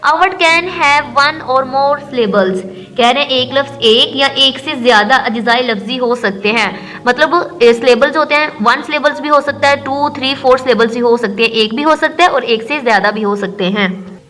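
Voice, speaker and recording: A woman teacher explains an English textbook lesson, reading English lines slowly and then explaining them in Urdu. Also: high-pitched, a bit bright, poor audio. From Pakistan.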